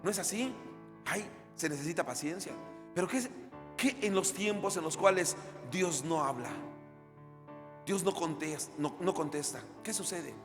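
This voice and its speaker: A male pastor, preaching an animated sermon full of questions to the congregation and acting out the voices of the people in his stories. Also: a little high, unhurried, long reverb tail, over music.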